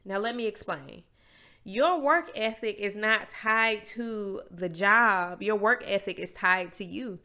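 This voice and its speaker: A young adult woman with a stuffy, congested nose hosts her own podcast, delivering a candid, emphatic, motivational monologue in a bright, forceful mid-range voice.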